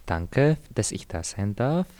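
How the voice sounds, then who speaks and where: Answering interview questions about his own life, a young man from Syria, a native Arabic speaker, keeps his voice low and steady. His account is calm and measured, with pauses and repeated words while he looks for what to say.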